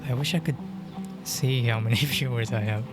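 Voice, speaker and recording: A young male streamer with a mid-range voice talks at normal speed, rambling casually on a gaming livestream with plenty of fillers and frequent chuckles. He's using a dynamic mic at home, and game music plays behind him.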